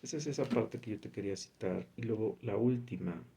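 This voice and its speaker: Low gravelly man reading scripture. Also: a little fast, mellow. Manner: conversational, reads scripture aloud and comments. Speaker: preacher. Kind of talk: informal Bible teaching.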